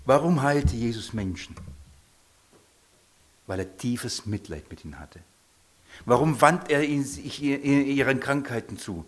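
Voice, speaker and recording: A male preacher, delivering a sermon in a lively, questioning way. His voice often sinks to a quiet, low tone, and he draws his listeners in with questions. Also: a little slow, long pauses.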